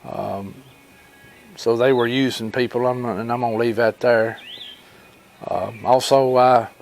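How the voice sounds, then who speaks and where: A man with a rural Alabama drawl spins a personal tale as if by the fireside. His delivery is folksy and unscripted, wandering along with pauses and bits of retold conversation. His pitch sits in an ordinary male range. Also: steady tone, creaky, a little mellow. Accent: Southern US, rural Alabama. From Alabama, United States. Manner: folksy, rambling, with pauses and reported dialogue. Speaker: storyteller and homesteading channel host. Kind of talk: fireside storytelling of personal experiences, informal and unscripted.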